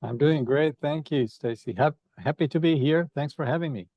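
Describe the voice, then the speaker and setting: Man, from Brazil, fifties, vet podcast guest, gravelly, dry sound, halting with restarts. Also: fairly high pitch, dry recording, muffled recording. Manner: halting, repeats words while thinking. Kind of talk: conversational interview.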